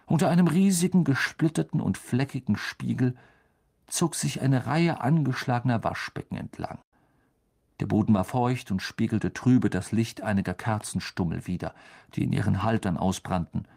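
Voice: moderate pace, creaky, breathy edge. A reader narrating a children's fantasy novel, telling it expressively and voicing every character. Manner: expressive storytelling with wide pitch swings. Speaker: audiobook narrator. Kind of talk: scripted narration.

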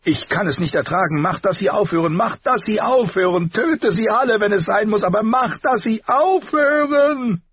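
A man reading an audiobook, voicing a grief-stricken noble mother who is crying and pleading in a high, strained voice, on a slightly dull recording. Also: expressive, moderate pace, few pauses, slightly rough, dry recording. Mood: frantic pleading. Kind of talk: audiobook character voice.

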